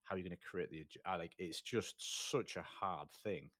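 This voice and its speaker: A man co-hosting a podcast in casual chat, talking in an excitable, teasing way. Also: low voice, moderate pace, dry recording. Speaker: podcast co-host.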